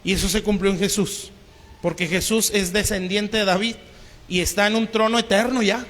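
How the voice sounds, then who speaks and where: High-voiced pastor preaching in a hall. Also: male voice, steady tone, normal speed, a bit bright. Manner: keeps asking the congregation "¿sí?". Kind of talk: sermon. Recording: long hall reverb.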